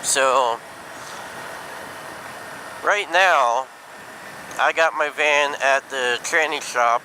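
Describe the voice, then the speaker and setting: Bright-voiced man talking slowly inside a helmet. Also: medium pitch, low-quality recording. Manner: halting, thinking aloud. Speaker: motorcycle vlogger. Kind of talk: casual rambling motovlog talk. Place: outdoors riding a motorcycle, inside a helmet. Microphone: mic inside helmet. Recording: helmet mic, clear road and engine noise.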